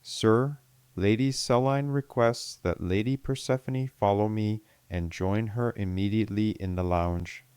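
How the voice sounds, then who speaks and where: A man reading the lines of a crisp, barking military captain in an audiobook. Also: on the low side, a little slow, darkish tone, no echo, natural voice. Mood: formal.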